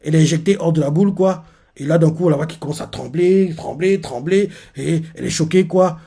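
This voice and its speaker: A man's voice: on the high side, fairly quick, vocal fry, warm tone, slightly rough. A man hosting a live manga reaction. He retells a comic chapter in casual, rambling talk full of filler words and restarts.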